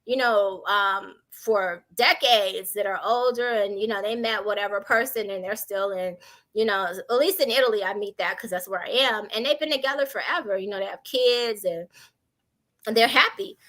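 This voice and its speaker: Her voice mid-range and her pace normal, this American woman from Chicago gives candid advice in panel conversation. She's animated and informal, leaning on anecdotes to make her points, though the audio is poor.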